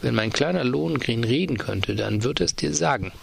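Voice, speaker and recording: A man's voice: mid-range voice, expressive, normal speed, vocal fry, slight background noise. A man voicing a fussy woman reading out her indignant, sentimental complaint letter about dogs.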